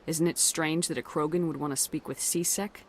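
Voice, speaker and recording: Woman as Commander Shepard, low, composed military hero. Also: fairly even intonation, normal speed, a little hiss or hum, close to an everyday voice. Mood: calm, firm. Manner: terse, authoritative. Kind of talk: video game voice acting.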